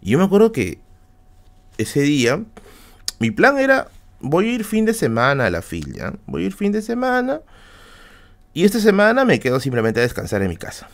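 A man's voice: fairly high pitch, wildly swooping pitch, normal speed, pauses often. A man with a Peruvian accent telling a personal anecdote on a live stream, casual and slangy, with many fillers and asides to the audience. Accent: Peruvian Spanish.

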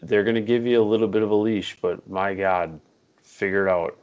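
A man's voice: lowish voice, steady tone, highs cut off. A man co-hosting a podcast, chatting casually about sports with blunt, opinionated takes. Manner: blunt, opinionated, quick reactions. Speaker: podcast co-host.

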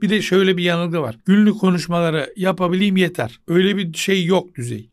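Alone on his podcast, a man who is also a translator gives casual advice, posing questions to himself, answering them, and repeating his key points. His voice is high, with clean studio sound and no room sound.

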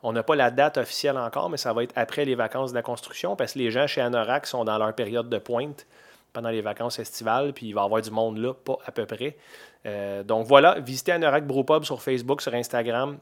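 A Québécois man in his forties hosts a podcast in loose, everyday chat. His voice sits at a middle pitch, and he rambles along with plenty of fillers and restarts. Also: fairly quick. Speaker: podcast host.

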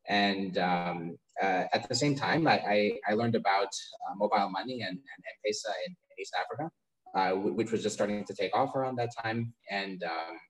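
A man's voice: lowish voice, moderate pace, rough recording. A young man talking as a podcast guest about his company, often repeating words and restarting his sentences while he thinks. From United States. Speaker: podcast guest, startup founder. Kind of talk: casual interview conversation. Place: remote call from abroad.

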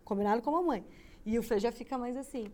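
Uma mulher numa conversa casual sobre a vida de mãe, falando de modo tranquilo e descontraído. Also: female voice, on the high side, quick pace. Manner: relaxed, easygoing. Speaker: guest mother. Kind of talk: casual chat.

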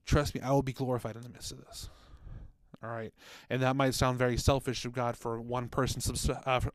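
Brisk and flat in his mid-range voice, this faith podcast co-host and ex-children's ministry worker earnestly recounts a story, chatting along and performing the quotes. The room is dry and close, with no echo.

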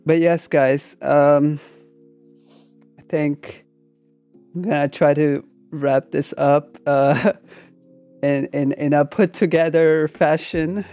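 A woman streamer chatting casually as a podcast guest, emotional and laughing, halting as she talks. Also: deep voice, fairly even intonation, warm tone, faint music behind. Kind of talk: casual chat on a live stream.

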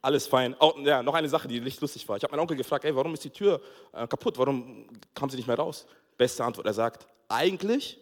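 A man preaching a sermon as pastor, telling a funny family story with lively acted-out dialogue and frequent laughter. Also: mid-range voice, quick pace. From Togo. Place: church hall. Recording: long hall reverb.

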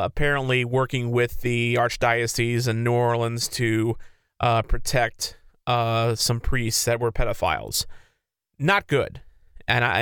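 A male podcast host giving casual sports commentary, opinionated and prone to rambling. His voice is bright and crisp. The sound is dry, with the mic close and no room around him. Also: medium pitch, no echo.

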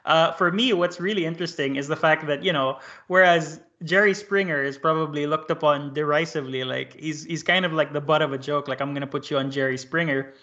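A podcast host with a slightly high, sharp-toned voice interviews a guest, talking fairly quickly with hardly any pauses. He comes across as thoughtful but leans heavily on "like" and "uh", and the audio is muffled and lo-fi.

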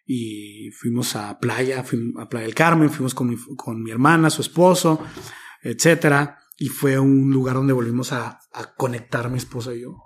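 A man's voice: medium pitch, moderate pace, breathy edge. A man, reflectively recounting a personal story with casual slang as an interview guest. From Mexico. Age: 30s. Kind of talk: personal testimony in conversation.

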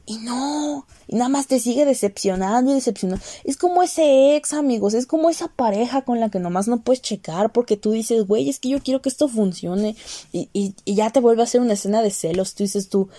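Ranting young Mexican woman, dark voice. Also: brisk, few pauses, dry recording. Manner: animated, ranting, swearing, with sudden high outbursts. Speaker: series reviewer. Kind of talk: casual vlog review.

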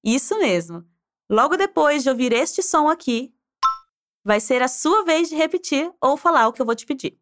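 A woman's voice: high-pitched, sing-song, normal speed, a bit bright. A woman teaching Spanish, guiding the listener through pronunciation drills and prompting them to repeat aloud.

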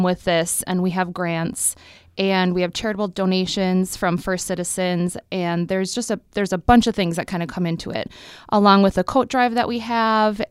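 A woman from public health, a guest on a local interview, talking fast and upbeat with many fillers. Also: fairly low pitch, clear, resonant tone, no echo, studio quality. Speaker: public health event organizer.

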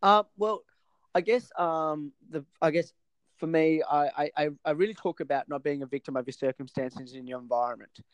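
A man's voice: a little high, dry recording, poor audio. A man, a podcast guest talking casually with lots of fillers and restarts. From Sri Lanka. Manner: halting, many fillers and restarts. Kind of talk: casual interview chat.

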